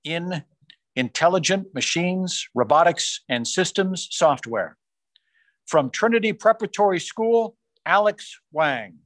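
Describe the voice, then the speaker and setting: A man formally reading out science fair award winners on a video call, rising in pitch on each school name. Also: expressive, a bit bright, no echo. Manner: measured, formal announcing, rising on school names. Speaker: awards announcer. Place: small room on a video call. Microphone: video call microphone.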